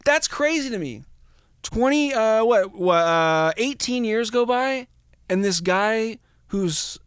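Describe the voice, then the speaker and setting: A man's voice: high voice, animated, slow pace, clean tone, no echo, studio quality. A man hosting a podcast, telling a story in a casual, profane, rambling, jokey way. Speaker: podcast host.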